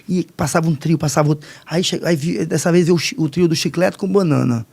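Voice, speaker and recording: A man tells his life story in a halting, heartfelt way, often breaking off and restarting. His voice sits fairly high for a man. It is gravelly and husky throughout. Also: darkish tone. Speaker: podcast guest. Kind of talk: personal testimony in casual conversation.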